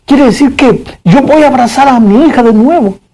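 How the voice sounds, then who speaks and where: A man's voice: very high-pitched, huge pitch swings, fast, mellow, husky, pitched above the performer's own voice, exaggerated voice, poor audio. A man acting out a grieving father who speaks in raised, pleading outbursts. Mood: disbelieving. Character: grieving father, middle-aged man, bitter and desperate.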